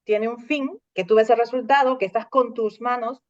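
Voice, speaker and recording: A woman's voice: fairly high pitch, moderate pace, no echo. Woman chatting, tells stories acting out voices, dull dry sound. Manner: animated storytelling, acting out dialogue. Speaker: host. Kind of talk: casual conversation.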